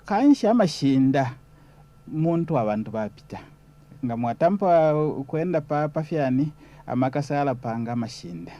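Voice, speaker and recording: A man's voice: on the high side, expressive, moderate pace, warm tone, highs cut off. A man with a Zambian accent, a guest explaining history in a conversational way.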